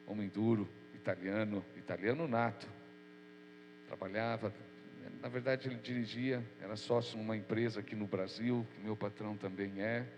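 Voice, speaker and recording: In a church hall with echo and an audible mains hum, a pastor prays and preaches, earnest and informal. His fairly low voice is flat in delivery and moves at normal speed, sounding nasal and stuffy from a cold.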